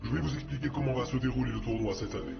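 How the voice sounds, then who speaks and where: A man's voice: medium pitch, very fast, creaky. A man playing a mysterious male tournament supervisor who announces the rules, his voice run through a voice changer. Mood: commanding. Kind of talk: scripted announcement in a played video. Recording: lo-fi video audio with loud music.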